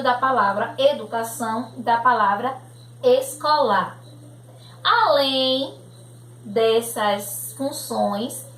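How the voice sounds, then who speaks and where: A woman's voice: on the high side, fairly bright tone, a little hiss or hum. A woman teacher with a Brazilian accent, patiently explaining a grammar lesson for young children and often checking that they follow. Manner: slow, patient, checks in with "né?" and "tudo bem?". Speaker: primary school teacher. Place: room at home. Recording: echoey room recording.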